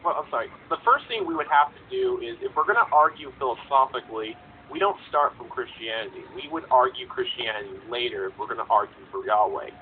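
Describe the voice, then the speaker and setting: A man's voice: medium pitch, very animated, fast, phone-quality sound, slight background noise. A man in a casual online discussion, explaining his philosophical position step by step. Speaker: debate participant. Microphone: computer microphone on a voice call. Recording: compressed online voice call.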